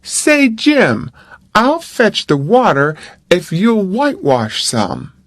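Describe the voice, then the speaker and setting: A man's voice: high-pitched, wildly swooping pitch, slow, no echo, voice pushed up, exaggerated voice. A man voicing a mischievous young boy who coaxes and wheedles in a storybook reading. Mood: coaxing. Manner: wheedling, persuasive.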